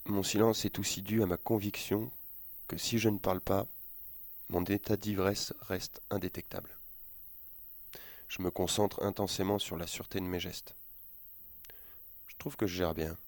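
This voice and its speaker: Man, very low voice, quiet subdued audiobook narration, dry close recording. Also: dry recording. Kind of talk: first-person audiobook narration.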